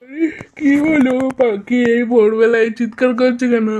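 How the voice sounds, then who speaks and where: A woman's voice: fairly high pitch, moderate pace, muffled recording, very noisy, close to an everyday voice. A woman voicing an easygoing older brother in a doll cartoon, speaking mildly and apologetically. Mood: puzzled.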